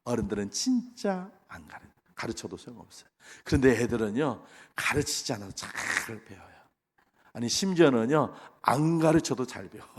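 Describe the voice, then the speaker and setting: A middle-aged male pastor preaching a sermon, animated, swinging between loud exhortation and soft asides. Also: mid-range voice, normal speed, a little hiss or hum. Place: large church sanctuary. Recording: long reverb of a large hall.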